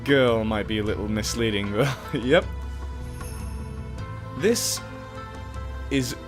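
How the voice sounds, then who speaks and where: Speaking slowly in a lowish voice, a let's player narrates his game with relaxed commentary and reads its text aloud. His remarks are peppered with crude jokes, and game music runs underneath.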